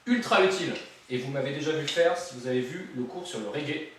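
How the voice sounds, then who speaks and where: A man's voice: a little high, quick pace, slight background noise. A man teaching a drum lesson, counting beats aloud and joking between exercises, with drums playing behind him. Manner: playful, jokey asides while counting beats aloud. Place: room with a drum kit. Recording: very echoey room, voice from far off.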